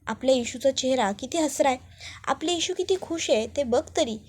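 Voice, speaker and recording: A woman voicing a young daughter gently coaxing her worried mother. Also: sits high, moderate pace.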